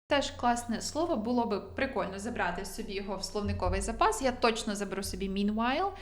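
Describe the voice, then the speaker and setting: A young adult woman, a native Ukrainian speaker, teaching English vocabulary in a chatty, self-deprecating way and reading her English examples slowly. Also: mid-range voice. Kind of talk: vocabulary lesson.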